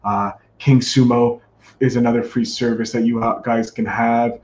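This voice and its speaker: A man hosts a live podcast in a casual, chatty way with a ringmaster's flair for announcing. His voice sits at a medium pitch. The sound is roomy and somewhat dull, like a lo-fi stream. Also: little pitch movement, a little mellow. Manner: ringmaster-like showman greetings, drawn-out announcing. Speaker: podcast host. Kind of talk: live-streamed solo show, casual chat.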